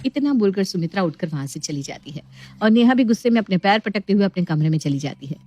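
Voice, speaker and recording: A woman narrating an animated family story in a calm, even, scripted style. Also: medium pitch, fast talker.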